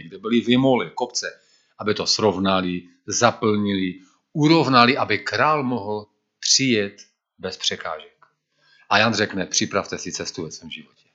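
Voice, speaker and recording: A man with a fairly low voice preaches a sermon in an earnest tone. He rises to emphatic declamation whenever he quotes scripture. The sound is a little dull and lo-fi. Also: sharp tone.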